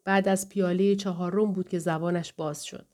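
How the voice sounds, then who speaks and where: A woman reading a novel aloud in the first person, calm, measured and somber. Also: lowish voice. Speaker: audiobook narrator.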